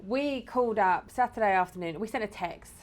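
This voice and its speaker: A woman's voice: mid-range voice, fairly quick. A woman from England, co-hosting a casual, teasing podcast chat at home. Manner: chatty, laughing, teasing. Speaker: podcast co-host. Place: home in the UAE.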